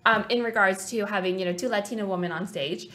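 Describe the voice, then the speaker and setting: A Canadian woman in her 20s, a guest on a small TV studio set, talks into a desk mic on a stand during a casual interview. She comes across as earnest and reflective, rambling a bit, with a medium-pitched voice that sounds pushed and bright at a quick pace.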